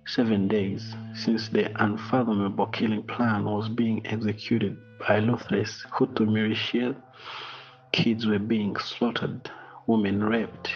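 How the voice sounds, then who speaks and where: A middle-aged Rwandan man reading a personal apology in a slow, solemn, measured way, heard over muffled video call audio. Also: fairly low pitch, vocal fry. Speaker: interview guest.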